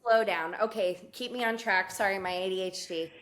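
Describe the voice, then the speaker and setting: Casual guest voice: a woman from California, a talkative academic who wanders off on tangents and leans on verbal fillers, mid-pitched, relaxed. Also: moderate pace, a little hiss or hum. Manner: chatty and digressive, full of "like" and "you know, right?". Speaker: guest, professor. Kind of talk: casual podcast conversation.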